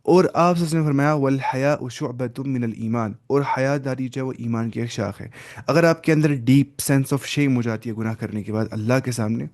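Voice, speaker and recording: A man teaching a Quran lesson at a measured pitch. He recites Arabic phrases slowly and carefully, then explains each one in Urdu with English terms mixed in. His delivery is emphatic, swelling and dropping in loudness as he drives a point home.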